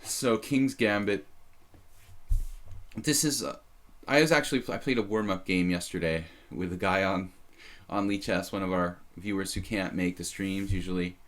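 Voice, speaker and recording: Commenting on his own chess games during a live stream, a man in his thirties speaks in a low, fairly bright voice with fairly even intonation at a normal pace. His casual talk is rambling and self-deprecating, loaded with fillers and restarts, and a slight lingering cough comes through.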